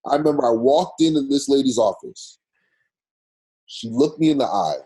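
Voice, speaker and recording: A man's voice: medium pitch, dark tone, breathy edge, rough recording. A man telling a personal story on a podcast in short, emphatic sentences. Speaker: podcast guest.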